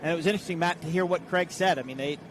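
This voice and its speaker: A man's voice: fairly high pitch, very fast. An American man giving live, explanatory sports commentary on a race. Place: live at an outdoor boat race. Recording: clear outdoor vehicle and engine noise.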